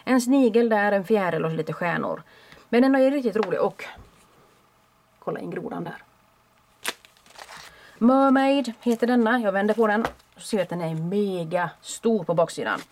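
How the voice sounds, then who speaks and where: A woman who runs a craft shop, chatting casually and warmly as she shows off new stock at home. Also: medium pitch, pauses often, slight background noise. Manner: chatty and friendly, with small restarts. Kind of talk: casual product show-and-tell.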